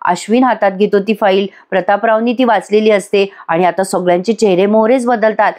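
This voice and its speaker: A woman's voice: mid-range voice, fairly even intonation, a little fast, a little mellow. Woman recapping a TV serial episode. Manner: retells scenes acting out characters' lines, addresses viewers directly. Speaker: TV serial reviewer. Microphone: voice-over recorded separately.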